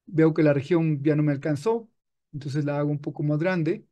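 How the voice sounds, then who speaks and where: A man teaching music software in a screen-recorded tutorial, patient and explaining step by step with frequent restarts. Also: fairly high pitch, steady tone, moderate pace.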